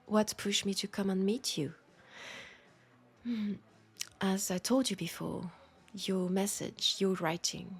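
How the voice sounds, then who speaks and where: Heavily acted, her fairly low voice creaky and slightly rough, a French-accented woman portrays an ancient vampire who is lonely and seductive in an intimate audio roleplay. Soft-spoken and deliberate, she sounds grave and tender, often near a whisper, and comes across as tender and moved.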